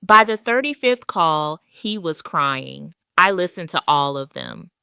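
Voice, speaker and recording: Close-miked with no room sound, this dry recording features a woman telling a dramatic first-person story from a script. Her low, very smooth voice comes across pushed and bright, and she paces it in a measured, deliberate way.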